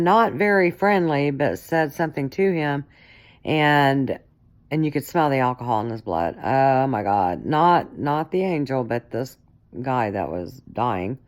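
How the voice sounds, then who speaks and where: A middle-aged woman telling a personal story in a casual, rambling way, correcting herself often and filling pauses. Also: deep voice. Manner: rambling, self-correcting, many fillers.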